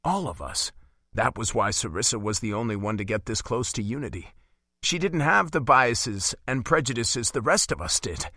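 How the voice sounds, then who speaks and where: A man reading a first-person fantasy romance audiobook in an expressive, emotive way. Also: mid-range voice, moderate pace, dry recording, studio quality. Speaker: audiobook narrator.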